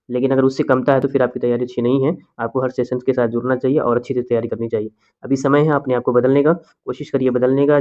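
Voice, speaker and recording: A male teacher leads an exam-prep lesson at a moderate, mid-range pitch. He poses each question aloud, then answers it himself, repeating key terms to drill them. The recording sounds somewhat dull and lo-fi. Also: a little mellow.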